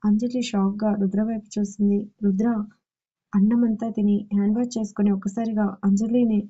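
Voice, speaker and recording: A woman narrating a love story audiobook with a soft, even reading. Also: medium pitch, fairly quick, muffled recording.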